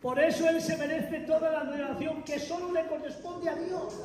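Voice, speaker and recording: Male preacher, very high voice, lively and emphatic, distant in a reverberant church hall. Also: normal speed, heavy background noise. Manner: animated, emphatic, addresses congregation as brothers. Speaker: visiting preacher. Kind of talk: sermon. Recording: echoey hall, mic far off.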